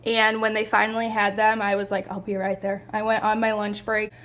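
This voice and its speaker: A young woman chatting excitedly through a home decor haul, gushing and a little out of breath. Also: medium pitch, brisk. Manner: gushing, chatty, lots of "like" and "you guys". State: a bit out of breath. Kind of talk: casual haul video.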